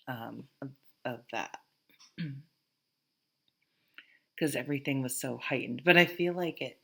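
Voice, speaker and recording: A woman with a Vermont accent reading tarot casually to camera, halting and rambling as she thinks aloud. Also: a bass voice, vocal fry. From Vermont, USA. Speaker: tarot reader, host.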